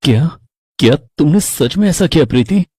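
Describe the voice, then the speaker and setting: A man's voice: fairly high pitch, animated, normal speed, a little mellow, breathy edge, no echo, studio quality. A man voicing a stern young husband and son in a storybook tale, firm and reproachful.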